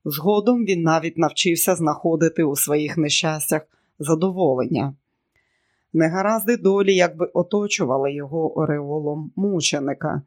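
A man narrating an audiobook in a measured, steady way. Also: on the high side. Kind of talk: scripted narration.

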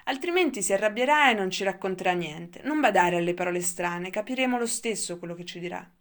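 A woman's voice: mid-range voice, expressive, a little fast, close to an everyday voice. A woman voicing a mild, earnest young male tribesman in an audiobook. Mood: pleading.

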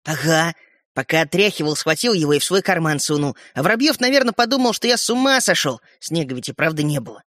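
A man playing a clever young boy, proud, calm, storybook reading. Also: a little high, fast, no room sound, clean studio sound. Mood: explaining.

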